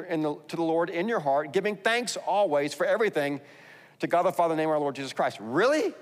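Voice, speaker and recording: A man with a Texas accent preaching a sermon, conversational and emphatic, reading scripture aloud between his own remarks. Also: fairly high pitch. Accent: Texan. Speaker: pastor. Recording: long reverb in a large hall.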